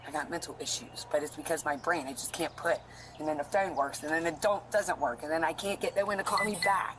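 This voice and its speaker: A woman's voice: deep voice, steady tone, fairly quick. An agitated woman talking to police outside a house, profane and rambling, picked up by a police body camera. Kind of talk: agitated body cam conversation. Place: outdoors at a house. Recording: noisy body cam audio.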